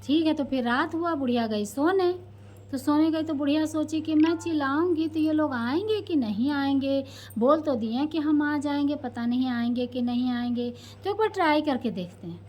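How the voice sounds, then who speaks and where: A woman vlogger tells a story in a casual way. She speaks to her viewers directly and chats as she goes. Her voice is high. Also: moderate pace, darkish tone, slight background noise. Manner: chatty, addresses viewers directly.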